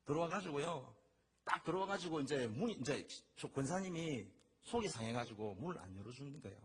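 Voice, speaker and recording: A middle-aged pastor delivers a sermon with a fairly high voice. His pitch swoops widely as he tells stories with lively energy, and he acts out the voices he quotes. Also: fairly quick.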